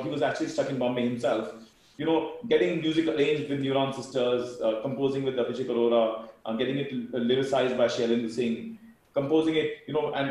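Business interview guest: man, Indian accent, rapid emphatic delivery, heavily reverberant room. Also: medium pitch. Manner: animated, emphatic. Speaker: company co-founder, interview guest. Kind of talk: conversational interview answers. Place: indoor room, video call. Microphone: video call. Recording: very echoey room on video call.

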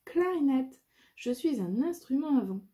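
A woman voicing a gentle, wise talking clarinet in a storybook, speaking softly and soothingly. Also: high-pitched, animated, measured pace, husky, pitched above the performer's own voice, exaggerated voice. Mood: proud. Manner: soft, soothing.

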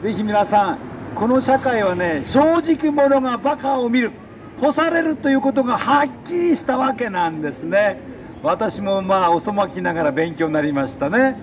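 A middle-aged man giving an emphatic, halting, colloquial street speech into a handheld microphone. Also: sits high, animated. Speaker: defeated election candidate, street speaker. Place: outdoors beside a busy city road. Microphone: handheld microphone held close. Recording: noisy city street with traffic.

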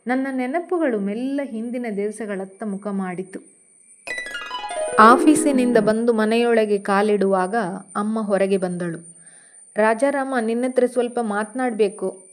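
A woman narrates a short story she wrote, reading it aloud. Her delivery is slow and gentle, and her voice sits in a middle register. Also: medium pitch. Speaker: storyteller and author.

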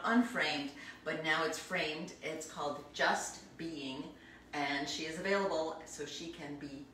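A woman's voice: deep voice, slight background noise. A middle-aged woman casually chatting about the art in her home as she walks through her laundry room. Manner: chatty, self-deprecating, enthusiastic. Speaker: artist giving a home art tour. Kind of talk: casual live-stream tour. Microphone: handheld phone camera. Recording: echoey room, phone held at a distance.

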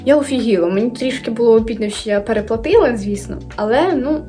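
A young woman with a fairly high voice chats through a beauty unboxing. Her tone is soft and mellow. She corrects herself as she goes and often trails into quieter asides. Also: expressive, fast talker, soft background music. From Ukraine. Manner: chatty, self-correcting, drops to quiet asides. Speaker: beauty vlogger. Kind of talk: casual product unboxing chat.

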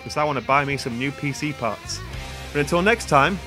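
A man's voice: fairly high pitch, lively intonation, brisk, over music. A British man doing sarcastic, mock-serious parody news anchor commentary for a gaming channel. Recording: gunfire and game noise behind voice. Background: video game gunfire.

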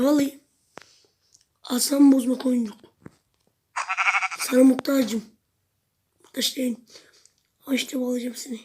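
A woman with a high voice that stays on a narrow, even line talks her way through a video game for her viewers, muttering to herself and now and then bursting out loudly. Faint noise and clicking sit behind her. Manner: chatty, talks to herself and viewers, sudden loud outbursts. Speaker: gameplay video host. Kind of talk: casual gameplay commentary.

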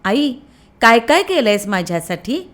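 A woman voicing an eager, trusting little boy in a storybook tale, with high, childlike questions. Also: very animated, measured pace.

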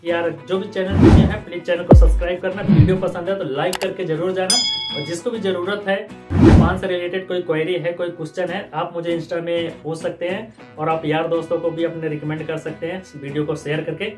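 A man in his thirties from India unboxes groceries for his vlog in an indoor room with a green screen and purple backdrop, with loud music behind him. His voice is a little high and fairly quick, and he chats casually and with animation, gesturing with his hands.

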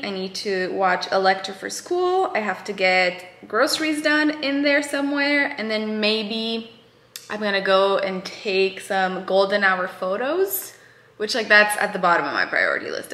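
Young woman vlogger, bright chatty voice, echoey home room, casual filler-heavy talk. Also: medium pitch. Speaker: vlogger and fitness coach. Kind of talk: casual vlog chat to camera. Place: home kitchen and dining room.

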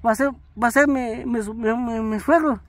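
A man from Oaxaca, answering questions in halting, repetitive murmurs during a casual chat. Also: very high voice, steady tone, dry recording. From Oaxaca, Mexico. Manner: halting, repeats himself, answers in short murmurs. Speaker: interviewee.

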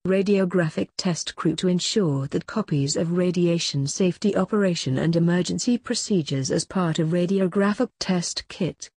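Husky, dry voice reading safety points. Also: mid-range voice, normal speed, hardly any pauses, no room sound. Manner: even, list-like delivery of short phrases. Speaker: safety instructor. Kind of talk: reading slide bullet points aloud.

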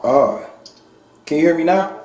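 Mellow-voiced young man stammering, roomy and distant. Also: on the high side, unhurried. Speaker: prank caller on a phone call. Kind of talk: casual phone prank.

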